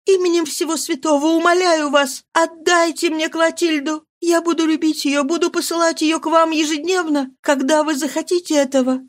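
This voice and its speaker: A woman's voice: very high voice, measured pace, voice pushed up. A woman voicing a desperate young mother, anguished and imploring. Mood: pleading. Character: desperate pleading young mother, grief-stricken.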